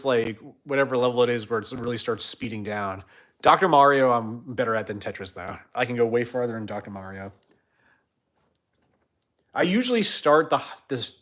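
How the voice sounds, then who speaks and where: A young man hosts a laid-back stream, answering questions in a middle-pitched voice. He rambles with constant fillers, and his sentences sink soft and quiet at the end. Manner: trails off quietly at sentence ends. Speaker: host. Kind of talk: casual livestream chat.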